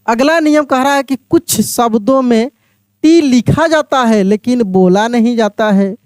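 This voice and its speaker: A man teaching an English pronunciation lesson, spelling words out letter by letter and repeating each one slowly while quizzing his viewers. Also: extremely high pitch, darkish tone, smooth, dry recording, clean studio sound.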